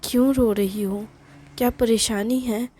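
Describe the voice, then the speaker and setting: A woman softly playing a tender, loving older mother. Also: a little high, steady tone, a little slow, husky. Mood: tender, soothing. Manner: soft, soothing, tender.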